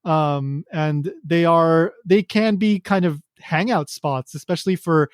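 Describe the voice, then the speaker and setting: A man's voice: a little high, measured pace, dry recording, clean studio sound. A man hosting a podcast, talking casually and rambling with many fillers and restarts. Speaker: podcast host.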